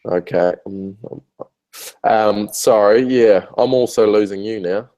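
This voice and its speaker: A man's voice: fairly low pitch, slow, dark tone, muffled recording. A man speaking hesitantly with many fillers in a casual remote interview, his call line breaking up and fading in and out. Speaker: interviewee, hospitality software founder.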